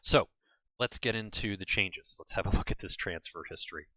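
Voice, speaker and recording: A man's voice: low voice, moderate pace, pushed and bright, no room sound. An American man hosting a casual game commentary from home, chatty and rambling, often correcting himself. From United States. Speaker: gaming channel host. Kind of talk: casual let's-play commentary.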